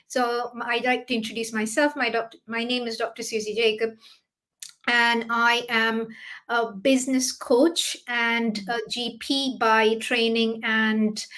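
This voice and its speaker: A woman speaking as a guest on a live-streamed talk program, introducing herself in a steady, slightly halting way. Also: a little high. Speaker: guest, business coach and doctor.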